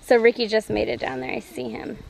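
Chatty young woman vlogging outdoors, slightly gravelly. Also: fairly high pitch, flat delivery, fairly quick, a crowd in the background. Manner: chatty, laughs often, a bit out of breath. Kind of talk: casual vlog narration. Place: outdoors on a rural hillside and dirt road. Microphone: handheld camera.

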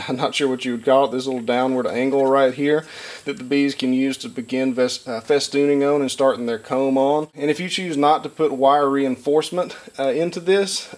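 A man in his thirties giving a relaxed, hands-on beekeeping lesson in a wood-paneled workshop, talking plainly with frequent fillers. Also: mid-range voice. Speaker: beekeeper and channel host. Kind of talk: hands-on instructional talk.

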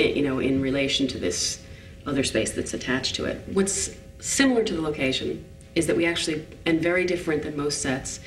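A woman in her forties gives a behind-the-scenes interview on an indoor studio set, describing it at an unhurried, searching pace. Her voice sits a little back from the mic. The large interior adds a roomy echo around her. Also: low voice, distant mic, slight background noise. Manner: thoughtful, descriptive, pauses to find words. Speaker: set designer.

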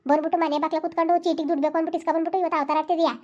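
A shrill village moneylender scolds and threatens in a rapid torrent, played by a woman. The voice is very high and flat. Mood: scolding.

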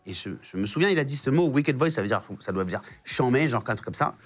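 A man's voice: mid-range voice, lively intonation, fast. A man, a comedian guest, telling an anecdote in casual chat, acting out voices and sound effects between many fillers.

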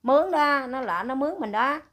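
An older woman, ranting at length in a rough, scolding way and firing rhetorical questions. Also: sits high, a little fast, a bit bright. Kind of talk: heated casual rant.

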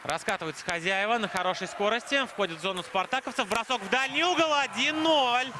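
A man's voice: high-pitched, fairly quick, music in the background. A man working as a hockey commentator, giving live play-by-play.

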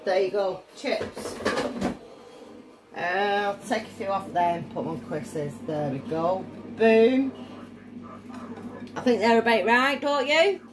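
Woman, Northern English, tipsy and giggly, slow casual kitchen chatter with blunt exclamations. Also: mid-range voice, background noise. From northern England. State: tipsy from drink. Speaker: home cook vlogger. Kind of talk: casual cooking chat. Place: indoors in a home kitchen.

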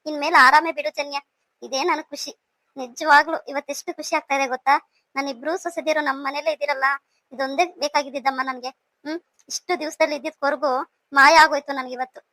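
A woman voicing a gentle, contented older mother in a cartoon, speaking softly and tenderly. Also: sits high, steady tone, quick pace, dry recording, voice pushed down. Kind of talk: cartoon voice acting.

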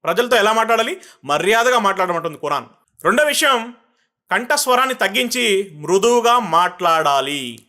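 A man preaching a religious talk, reading out numbered points and reciting verses slowly and carefully before explaining each one. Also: high-pitched, sing-song, pushed and bright. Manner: slow, measured recitation of Arabic verses; lists numbered points, then recaps them quickly. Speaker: Islamic preacher.

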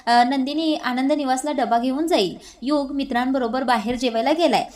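A catty middle-aged aunt jabbing at her idle nephew, read out by a woman. High-pitched and brisk, still in the reader's plain voice. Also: a little mellow, natural voice. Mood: taunting.

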